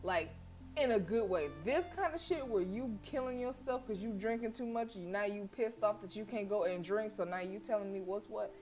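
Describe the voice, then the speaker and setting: A slightly mellow, mid-range female voice at a moderate pace belongs to an outspoken, sassy streamer. She chats casually in slang, reacts to the game, and reads a visual novel aloud while plucked guitar game music plays behind her.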